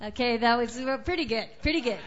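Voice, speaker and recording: A woman's voice: a little high, fairly quick. A woman chatting and joking with the crowd between songs at an open mic night, speaking into a stage microphone. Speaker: open mic singer-songwriter. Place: small live music venue. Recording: muffled live venue recording with music.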